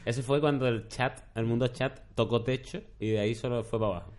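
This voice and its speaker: A man's voice: medium pitch, fairly even intonation, brisk. A middle-aged man, chatting casually as a podcast host and telling rambling stories. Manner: rambling, storytelling with shouted impressions. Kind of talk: casual chat.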